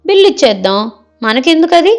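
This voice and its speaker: A woman's voice: very high voice, big pitch swings, brisk, a little mellow, soft background music, pitched above the performer's own voice, exaggerated voice. A woman reading the part of a middle-aged husband in an audio story, eagerly offering one gift idea after another. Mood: coaxing. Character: husband, a middle-aged man, proud and easily exasperated.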